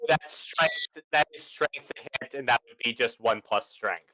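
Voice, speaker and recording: Dry, bright-voiced man explaining rules. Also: mid-range voice, normal speed, dry recording, rough recording. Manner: precise about the rules, dry. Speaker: player. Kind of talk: casual tabletop game chat.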